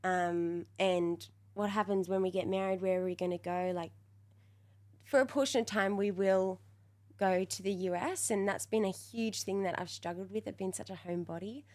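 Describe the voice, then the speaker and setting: A woman's voice: medium pitch, fairly even intonation, moderate pace, a little mellow. A woman in her early twenties with an Australian accent, a podcast guest talking candidly and giggling often. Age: 20s. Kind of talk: casual interview chat.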